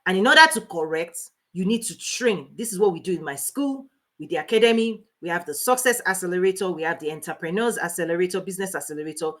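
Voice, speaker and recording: A woman hosting a motivational livestream as a life coach, talking fast and emphatically, repeating key points and greeting viewers by name. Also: lowish voice, a bit bright. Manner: speaking fast.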